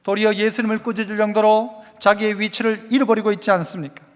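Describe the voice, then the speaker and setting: A man's voice: sits high, level tone, fast, long reverb tail. A man preaching a Sunday sermon as pastor, asking the congregation questions and having them repeat lines after him.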